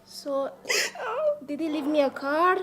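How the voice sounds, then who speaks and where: A grasping relative. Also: female voice, high-pitched, fairly even intonation, slow pace. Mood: wheedling. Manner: repeats herself, soothing yet grasping. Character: grasping female relative asking what she inherits. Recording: loud background noise.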